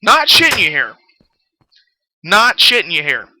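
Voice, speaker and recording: This man has a high voice whose pitch swoops wildly, and his pace is a little slow. He's casually spinning stories while gaming on a live stream, wandering off and often forgetting where he was headed. Background music plays over a noisy backdrop.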